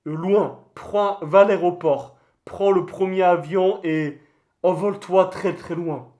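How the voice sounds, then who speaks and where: Man playing a crude, high-pitched mascot creature. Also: slow, a little mellow. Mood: rambling storytelling. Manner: slangy, crude, hesitant rambling storytelling with outbursts. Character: crude, touchy male mascot creature, boastful storyteller. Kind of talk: comic mock interview, in character.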